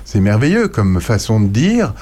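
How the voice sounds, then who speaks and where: A man co-hosting a local radio show, talking about a book with enthusiasm and reading passages aloud, with a halting, filler-filled delivery. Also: lowish voice, very animated, warm tone. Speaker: radio co-host.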